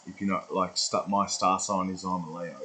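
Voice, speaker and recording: A man's voice: sits low, fairly even intonation, moderate pace, background noise. A man in his twenties rambling through a casual vlog monologue, swearing freely and losing his track. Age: 20s. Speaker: vlogger.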